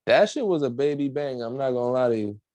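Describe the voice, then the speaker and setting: A man's voice: medium pitch, lively intonation, fast, darkish tone, no echo. A young man co-hosting a casual wrestling podcast, laid-back, laughing often and full of slang. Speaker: podcast co-host. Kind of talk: casual wrestling review chat.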